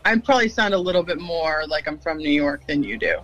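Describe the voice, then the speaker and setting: A man's voice: fairly high pitch, quick pace, bright, forceful tone, highs cut off. A man co-hosting a podcast, chatting eagerly and saying "like" a lot. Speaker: podcast co-host. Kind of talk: casual chat.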